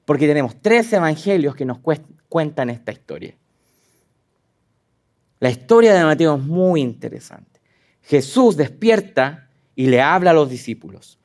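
Animated preacher man with a lively high voice. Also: measured pace, pauses often. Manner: animated, acts out quotes with sudden high dramatic voices; asks the listeners direct questions. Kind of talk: sermon.

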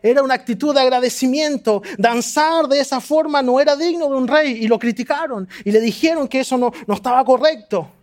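A man preaching a sermon, fervent and exhorting, his voice climbing high on points of emphasis. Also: fairly quick, few pauses.

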